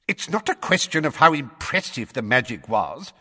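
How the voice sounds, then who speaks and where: A man's voice: mid-range voice, very animated, normal speed, bright, forceful tone, slightly rough, big-room sound, voice pushed up, full character voice. A man voicing a blustering, testy middle-aged minister who reads out charges formally.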